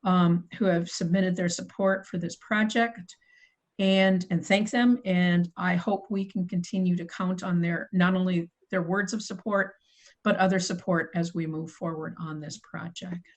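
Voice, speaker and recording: A woman's voice: lowish voice, fairly even intonation, measured pace, rough recording. Woman chairing a committee meeting. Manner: procedural, apologetic, self-correcting.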